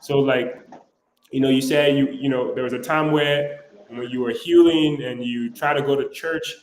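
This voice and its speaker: A man's voice: mid-range voice, fairly even intonation, moderate pace. A man hosting a talk show interview, asking questions in an encouraging, explanatory way. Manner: encouraging, explanatory, uses "you know" often. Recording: echoey room with faint noise.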